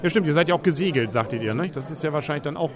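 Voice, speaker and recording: Fast-talking man interviewing in the street. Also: fairly high pitch, lively intonation. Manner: chatty, jokey questions. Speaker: radio podcast host. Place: outdoors in a busy city. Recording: crowd noise behind. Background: crowd.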